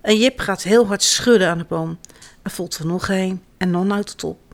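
A woman reading a children's story aloud in an animated, expressive way. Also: mid-range voice, normal speed.

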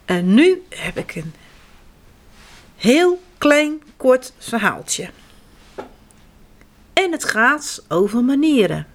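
A woman storyteller reading children's stories aloud, slow and expressive. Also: sits high.

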